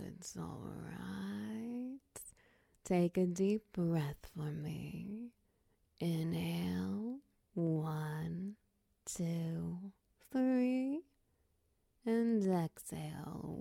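A woman's voice: lowish voice, dry recording, full character voice. A woman whispering as a doting snake-tailed mother figure. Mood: soothing. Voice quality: breathy whisper. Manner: soft close whispering, coaxing and soothing. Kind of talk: ASMR whispered roleplay.

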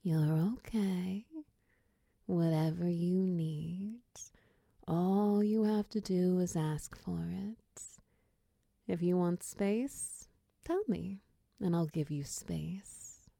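Woman acting slow, whispering girlfriend right in your ear. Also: fairly low pitch, no echo, heavily acted. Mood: protective, reassuring. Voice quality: soft, breathy whisper. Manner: intimate, close-up delivery right in the listener's ear; slow, soothing, reassuring. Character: tender, protective female partner soothing a nightmare-shaken lover. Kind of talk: whispered role-play. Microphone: very close, dry microphone.

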